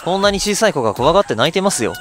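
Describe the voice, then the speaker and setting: A man's voice: on the high side, very animated, rapid-fire, over music, pitched above the performer's own voice. A man voicing a kind, polite young woman heroine while reading game dialogue aloud. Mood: gentle.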